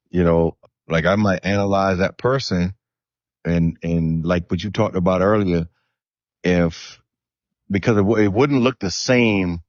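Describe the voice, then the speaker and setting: A man hosting a relationship talk show, asking measured, probing questions. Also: sits low, a little mellow, no echo, muffled recording. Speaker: host. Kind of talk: interviewing panelists.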